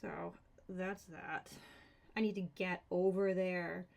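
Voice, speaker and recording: A woman's voice: fairly low pitch, steady tone, takes it slowly, vocal fry, a little mellow. A woman streaming a solo board game, casually thinking aloud, counting cards and talking herself through the rules with mildly exasperated asides.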